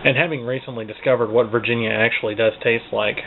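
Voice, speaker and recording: A pipe tobacco reviewer talks casually and off the cuff in a mid-pitched, steady voice, speaking fast but hesitating and repeating words while he hunts for the next one. The audio is tinny and phone-like, with clear background noise.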